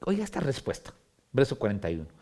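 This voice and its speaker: Lively pastor teaching scripture. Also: male voice, medium pitch, fast. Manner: expressive, dramatizes scripture with emphatic repetition. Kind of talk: Bible study teaching. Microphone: streamed broadcast.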